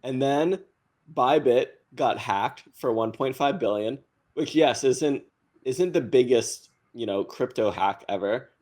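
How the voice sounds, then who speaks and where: A man's voice: mid-range voice, slow, a little mellow. A man on a casual podcast panel, explaining finance news in a chatty way with fillers. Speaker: panelist on crypto.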